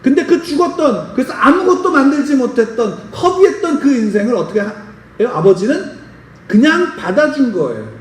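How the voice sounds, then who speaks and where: A pastor preaching a sermon and telling a story, often putting questions to the congregation. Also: male voice, extremely high pitch, big pitch swings, fairly quick. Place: church sanctuary. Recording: roomy church sound from a distant mic.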